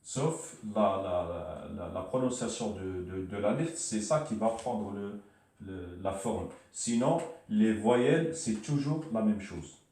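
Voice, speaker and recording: Man, low mellow voice, patient teacher, repeats syllables, echoey room, distant mic. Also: expressive, slow. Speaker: Arabic teacher. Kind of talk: slow spoken lesson at a board.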